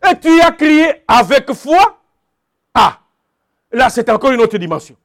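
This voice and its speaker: A man's voice: very high voice, big pitch swings, a little slow, no echo, clean studio sound. A man preaching a sermon, emphatic and repetitive, calling out to his congregation. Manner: emphatic, repeats phrases, calls out to the congregation.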